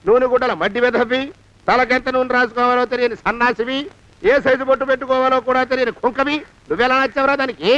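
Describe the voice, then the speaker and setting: A man's voice: very high-pitched, steady tone, quick pace, fairly bright tone. An actor playing a hot-tempered master who berates and insults his servant. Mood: berating. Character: bullying hot-tempered master, grown man. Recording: dull film soundtrack.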